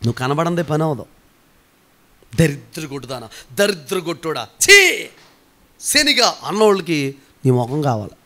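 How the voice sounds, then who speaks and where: A man preaching a sermon as pastor, animated and teasing, calling on the congregation to answer back. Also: a little high, moderate pace, long pauses.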